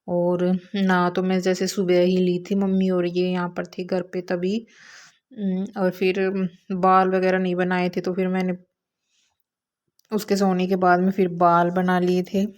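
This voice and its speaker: Flat-voiced mother narrating her day. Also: on the low side. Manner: calm, even storytelling with many filler words. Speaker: mother vlogger. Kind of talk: casual vlog narration of daily routine.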